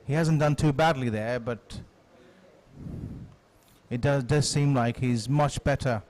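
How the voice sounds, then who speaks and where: A man giving live cricket commentary in a measured, analytical manner. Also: medium pitch, darkish tone, slight background noise.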